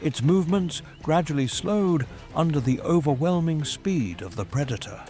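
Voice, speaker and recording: A man reads scripted nature documentary narration in a measured, formal storytelling manner. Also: on the high side, lively intonation. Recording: music behind the voice. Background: background music.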